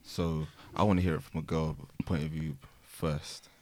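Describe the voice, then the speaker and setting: A man's voice: a bass voice, little pitch movement, normal speed, darkish tone. A young man with an urban London accent, reflective and slangy as he talks things through in casual group chat. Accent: London, urban slang speech.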